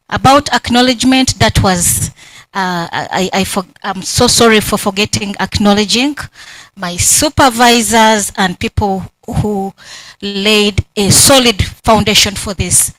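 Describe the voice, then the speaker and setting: At her doctoral defense in a university hall, a Ugandan woman with a Ugandan English accent delivers her acknowledgements as a PhD candidate, emotional and grateful. She tells animated stories, acting out remembered conversations with quoted dialogue. Her voice is mid-range, and the recording is dry with poor audio.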